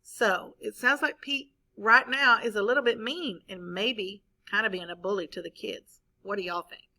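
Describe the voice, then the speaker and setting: A woman's voice: medium pitch, normal speed, low-quality recording. A woman teacher, reading a story aloud to her class and stopping to ask questions. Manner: expressive, asks the class questions.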